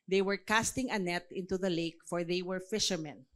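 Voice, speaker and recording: A woman's voice: fairly low pitch, normal speed. A woman with a Filipino accent preaching a Bible sermon, mixing Tagalog and English and pressing her points with rhetorical questions.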